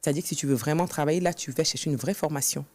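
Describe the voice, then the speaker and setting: Talking very fast in a low-pitched, darkish voice, a woman guest author shares her personal story in an interview on a podcast set. She is earnest and re-enacts earlier conversations.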